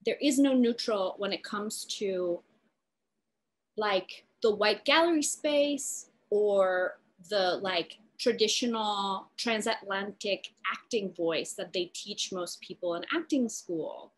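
A Puerto Rican woman in her thirties, an artist, lectures over a video call from a room in her home, captured by her laptop webcam. She speaks slowly in a mid-range voice, thoughtfully and with many gestures, often using "like" as a filler.

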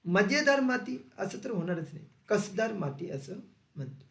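A male teacher taking students through an exam-prep grammar lesson. He asks questions and then repeats the answers slowly. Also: high-pitched, sing-song, creaky. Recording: echoey room.

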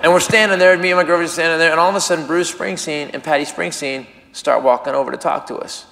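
A man telling a self-mocking story on stage as a stand-up comedian, animated and acting out voices. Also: a little high, fast, creaky, slight background noise. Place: comedy stage before a crowd. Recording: roomy live venue with audience.

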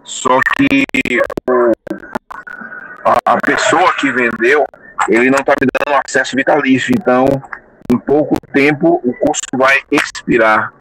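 A man calls into a live class from behind the wheel, his voice coming through a Bluetooth headset mic on speakerphone. Loud road and line noise sits under every word. He circles his question slowly, restarting and repeating small words as he goes. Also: medium pitch, steady tone, poor audio. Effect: heard through a Bluetooth headset mic on speakerphone. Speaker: student asking a question in a live online class. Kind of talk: casual spoken question. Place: in a car while driving.

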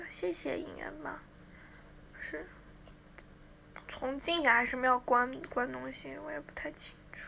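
Teen girl idol, casual livestream chatter, high-pitched and bright, teasing and chatty. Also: vocal fry, a little hiss or hum. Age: teens. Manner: chatty, playful, mimics fans' teasing.

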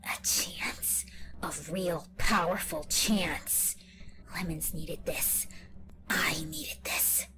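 A woman voicing a scheming, gloating evil lemon clone villainess in an online fan story, delivering a slow, menacing monologue in a whispery voice. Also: lowish voice, fairly even intonation, rough recording. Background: music.

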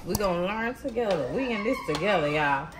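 Heavy background noise accompanies a woman's medium-pitched, animated, fairly quick voice. In her thirties, she runs a casual cooking vlog from her home kitchen, chatting straight to her audience and addressing them as y'all and baby.

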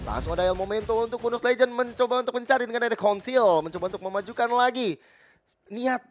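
A man's voice: very high voice, fast, a little hiss or hum. A man with an Indonesian accent doing live esports commentary and analysis, in flowing explanations peppered with English gaming terms. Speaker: esports co-caster.

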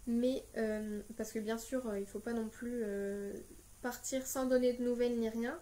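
A young woman from France giving casual parenting advice in a vlog, pausing often with fillers as she talks. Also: a little high, fairly even intonation, warm tone. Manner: hesitant, many filler pauses. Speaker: parenting vlogger.

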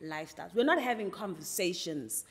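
A woman's voice: on the low side, animated, fairly quick, husky, in a large hall. A woman with a South African accent, speaking earnestly as a podcast co-host and mixing English with Sesotho in casual panel talk.

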